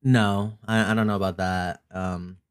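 A man's voice: lowish voice, level tone, a little slow, smooth. A young man hosting a casual podcast, teasing his friend and laughing often. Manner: teasing, exasperated, laughs a lot. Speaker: podcast host. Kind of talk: casual chat.

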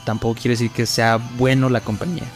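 A man's voice: mid-range voice, fast talker, soft background music. A young Mexican man with a Mexican accent, co-hosting a podcast, animatedly telling a ghost story and acting out the voices in it. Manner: animated storyteller, acts out quotes. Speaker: podcast co-host. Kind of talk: casual chat, storytelling.

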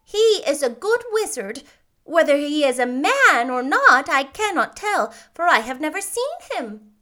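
A woman's voice: high-pitched, sing-song, unhurried, pushed and bright, pitched above the performer's own voice, exaggerated voice. A woman voicing a kind, solemn little old witch in a storybook reading. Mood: kindly, advising. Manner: solemn, instructive.

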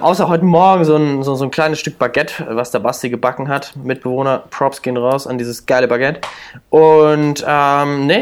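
Young man telling slangy stories. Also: fairly high pitch. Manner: relaxed slangy storytelling. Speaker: podcast co-host. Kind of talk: casual chat.

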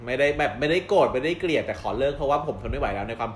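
A man co-hosting a casual chat, recapping episodes in a lively, storytelling way and laughing often. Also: medium pitch, very fast, a little hiss or hum. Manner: animated storyteller, acts out quoted dialogue and laughs often. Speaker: co-host reviewing a drama series. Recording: roomy with faint background ambience.

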